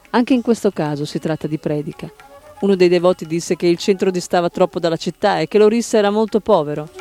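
A man narrating, reading a biography aloud in a steady, even storytelling manner. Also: high voice.

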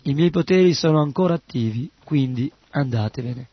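A man's voice: fairly high pitch, animated, normal speed, breathy edge, no echo, dull audio. A man voicing an arrogant male yogi who claims to be God, with a defiant, boastful delivery. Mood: shouting.

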